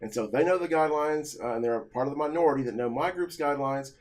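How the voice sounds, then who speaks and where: An agitated man recounting a work grievance in a mid-range voice. His talk is halting, full of restarts and repeated words. The delivery is casual and unscripted. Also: mid-range voice. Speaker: office analyst. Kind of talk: casual personal story.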